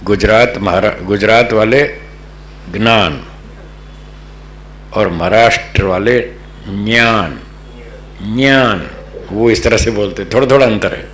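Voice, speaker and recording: A man from North India teaching a patient, slow scripture lesson to a live group, often checking that they follow. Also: lowish voice. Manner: patient, checks understanding with the audience. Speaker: religious teacher. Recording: echoey room, faint hum.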